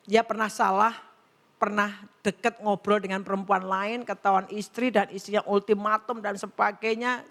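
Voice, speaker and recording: Woman pastor preaching through stories. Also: a little high. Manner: storytelling, quoting people in lively voices. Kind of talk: sermon. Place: church service.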